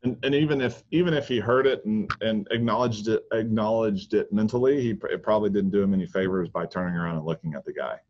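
A man's voice: lowish voice, fast talker, hardly any pauses. A man in his thirties, a golf coach co-hosting a podcast, chatting casually with lots of restarts. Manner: rambling, frequent restarts and fillers. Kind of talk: casual chat. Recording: dull lo-fi podcast audio.

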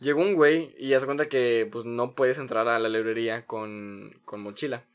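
A man's voice: mid-range voice, fairly even intonation, moderate pace. A young man with a Mexican accent co-hosting a casual chat, ranting heatedly and swearing a lot. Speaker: podcast co-host.

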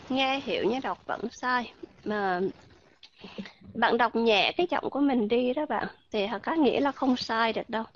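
A woman teaching a pronunciation lesson online, patiently repeating example words slowly to model the sounds. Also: a little high, a bit bright, muffled recording.

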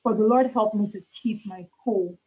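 A woman's voice: mid-range voice, moderate pace, breathy edge, highs cut off. A young adult woman, a podcast guest, earnestly telling a personal faith story in conversation, acting out the dialogue as she recounts it.

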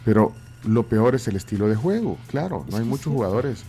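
A man's voice: lowish voice, very animated, fairly quick, warm tone, faint music behind. A man hosting casual sports banter and reading out messages. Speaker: radio show host.

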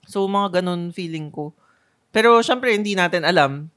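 A woman co-hosting a casual podcast, talking in an animated way with many fillers. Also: lowish voice, normal speed. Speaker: podcast co-host. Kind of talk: casual chat.

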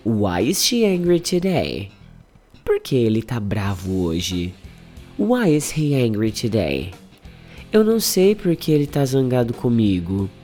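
A hoarse man from Brazil teaching English, drilling phrases with energetic, quick patter. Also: on the low side, faint music behind. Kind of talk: language lesson drills.

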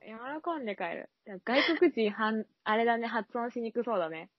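Giggly husky young woman, lo-fi. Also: fairly high pitch, a little fast, dry recording. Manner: giggly, stammers while mimicking sounds. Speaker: podcast co-host. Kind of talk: casual chat. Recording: dull lo-fi recording.

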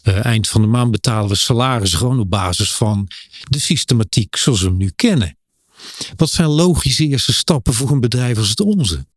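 Male host, middle register, thoughtful but halting, hunts for words, dry studio. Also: medium pitch, animated, dry recording. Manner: hesitant, many filler sounds, searching for words. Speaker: podcast host. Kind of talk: podcast interview.

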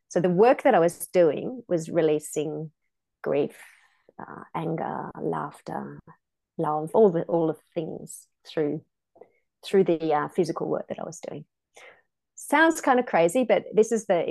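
Low gravelly woman, earnest coach. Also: dark tone, dry recording. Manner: earnest, explanatory, casual. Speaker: sex and intimacy coach. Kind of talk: podcast interview.

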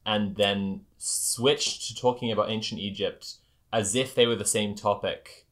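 A man narrating an improvised tabletop game as game master, with a halting, hesitant delivery. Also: fairly low pitch, fairly even intonation, fairly bright tone.

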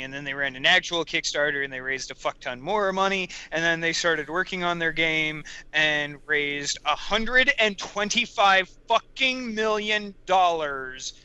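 A man co-hosting a casual podcast, talking in a loud, profane, animated way. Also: a little high, normal speed, hardly any pauses, clear, resonant tone. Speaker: podcast co-host.

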